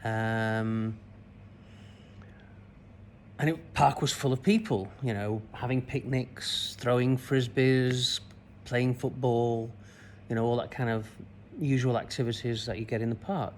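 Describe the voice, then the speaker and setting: A man's voice: medium pitch, steady tone, measured pace, a little hiss or hum. A man, a spiritual coach, recounting a childhood memory in a loose, rambling way full of fillers. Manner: rambling, many fillers and restarts. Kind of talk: personal story told to camera.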